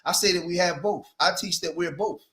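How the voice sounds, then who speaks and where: High-voiced East Coast livestream host. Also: male voice, brisk, a bit bright. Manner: talks to his viewers, repeats phrases to drive points home. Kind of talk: casual commentary livestream. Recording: echoey room.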